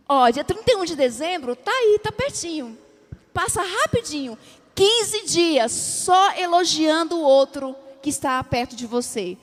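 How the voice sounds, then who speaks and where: A woman with a Brazilian Portuguese accent preaching a sermon, drawing the congregation into call-and-response and acting out everyday dialogue. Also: high voice. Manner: lively, acts out everyday dialogue. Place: church sanctuary. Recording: long church hall reverb.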